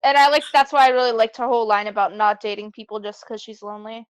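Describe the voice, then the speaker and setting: A woman's voice: on the high side, fast. A young woman co-hosting a podcast, chatting and reflecting on an anime and laughing easily. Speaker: podcast co-host. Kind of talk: casual anime discussion.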